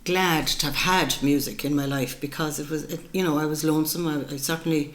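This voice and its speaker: A woman's voice: sits low, fairly even intonation, fairly quick, fairly bright tone. A woman in her sixties with a west of Ireland accent, reminiscing in casual conversation as an interview guest, in a colloquial, emphatic storytelling way. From west of Ireland (County Mayo). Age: 60s. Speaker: interview guest, traditional musician. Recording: echoey room, clear background noise.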